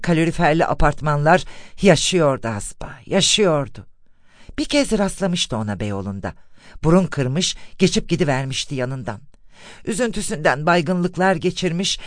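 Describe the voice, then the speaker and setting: A man narrating a literary story as an audiobook, in an expressive, dramatic storytelling manner. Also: a little high, no room sound, clean studio sound.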